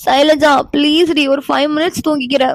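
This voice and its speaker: A woman's voice: very high-pitched, fairly even intonation, moderate pace, dry recording. A woman voicing a lazy, sleepy young woman in a cartoon, drowsy and whiny. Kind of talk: cartoon voice acting.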